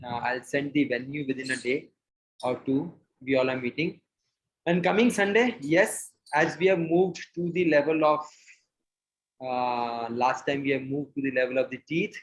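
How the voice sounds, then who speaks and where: A man's voice: mid-range voice, fairly even intonation, moderate pace. A man with an Indian accent leading an informal online group discussion, mixing Hindi and English. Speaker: session leader and speaker. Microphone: video call. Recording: muffled online call with noise and clicks.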